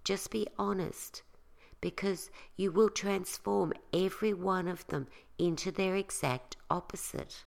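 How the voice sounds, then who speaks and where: A woman narrating a scripted guided self-help meditation in a calming, instructional way, leaving pauses between phrases. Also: medium pitch, creaky.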